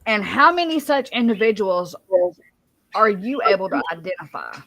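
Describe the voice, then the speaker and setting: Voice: mid-range voice, sing-song, normal speed, fairly bright tone, no echo, low-quality recording. A person voicing a persistent lawyer putting pointed questions in a dramatic reading of a deposition. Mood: pressing.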